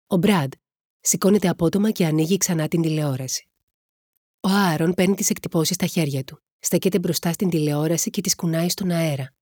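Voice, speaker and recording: A woman reading a novel aloud in a steady, even storytelling manner. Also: fairly low pitch, breathy edge, no echo, clean studio sound. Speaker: audiobook narrator.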